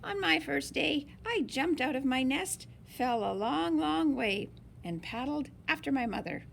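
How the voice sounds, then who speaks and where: A storyteller reads a picture book aloud with a high-pitched, gravelly, animated voice, doing an expressive read-aloud for children. She phrases things slowly and deliberately for young listeners, over slight background noise.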